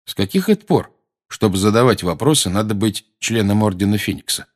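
A man reading aloud and voicing a grown wizard who speaks calmly and coldly but also with defiance. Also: lowish voice, a little fast. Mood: cool. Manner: calm, cold, and sometimes irritated. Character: cool, defiant grown wizard, godfather type.

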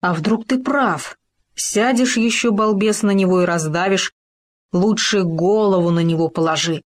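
A woman's voice: mid-range voice, unhurried, close to an everyday voice. A woman voicing a boastful, scheming male hamster in a children's story, talking bossily and slyly. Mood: bossy. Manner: bossy, indignant and sly.

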